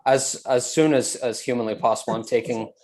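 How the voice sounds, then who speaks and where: A young man answers interview questions as a student guest. He sounds dry and relaxed, pausing and hedging before he answers. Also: mid-range voice, rough recording.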